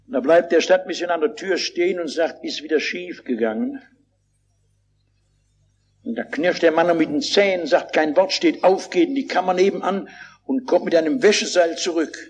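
A man's voice: a little high, a little fast, husky. An older man preaching a sermon, telling stories with fervent, dramatic delivery and acted-out quotes.

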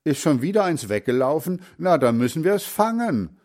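Storybook: man voices deaf old grandfather, kindly, loud and slow, lively pitch. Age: older. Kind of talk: storybook reading.

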